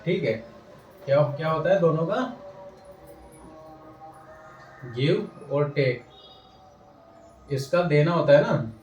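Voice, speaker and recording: A man with a fairly high voice teaches a language lesson and keeps checking that his listeners follow along. He poses questions and answers them himself, speaking some way off the mic in an echoey room. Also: lively intonation, slow, pauses often, a little mellow, lo-fi sound, faint music behind. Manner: repetitive, checks in with "ठीक है ना" often. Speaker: English teacher. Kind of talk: classroom-style language lesson. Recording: roomy echo, mic set at a distance.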